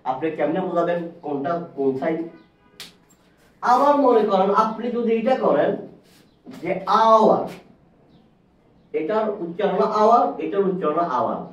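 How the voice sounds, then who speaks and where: A man's voice: high voice, animated. Man teaching, heard from far off. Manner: repeats words slowly, asks the class questions. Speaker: English teacher. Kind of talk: whiteboard lesson. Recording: distant, echoey, dull classroom sound.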